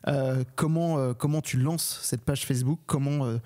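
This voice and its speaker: Male podcast interviewer, mid-range pitch, relaxed dark-toned delivery. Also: moderate pace. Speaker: podcast host.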